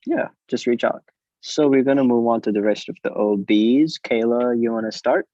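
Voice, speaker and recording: A man's voice: medium pitch, moderate pace, dry recording. Man from the maldives, casual host, dry sound, muffled call audio. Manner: relaxed, informal hosting. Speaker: student association officer. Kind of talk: casual presentation.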